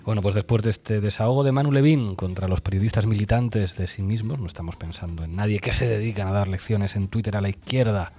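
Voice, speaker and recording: A man's voice: lowish voice, fast talker, hardly any pauses, dark tone. A man hosting a political talk show, sarcastic and mocking. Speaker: host.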